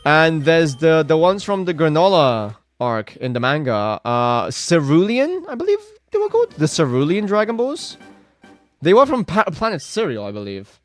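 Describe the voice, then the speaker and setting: A man's voice: on the high side, big pitch swings, a little slow, faint music behind. A man chatting casually on a live game stream, rambling with lots of filler words and reacting to chat.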